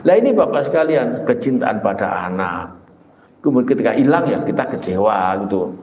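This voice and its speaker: A middle-aged man preaching a sermon, telling stories with sudden leaps in pitch. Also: normal speed. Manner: animated storytelling with sudden pitch jumps. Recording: echoey room.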